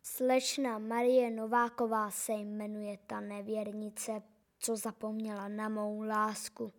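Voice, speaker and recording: A woman's voice: medium pitch, little pitch movement, pitched below the performer's own voice, close to an everyday voice. A woman doing a heartbroken sighing chauffeur. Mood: lamenting. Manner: sighing, lamenting. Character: heartbroken young male chauffeur.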